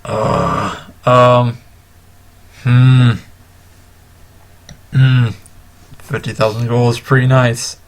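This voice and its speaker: A young man at a tabletop game, describing his rogue's moves in a middle-pitched voice. He hesitates and restarts often before settling on what to do. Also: little pitch movement, drawn-out words, long pauses. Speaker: player.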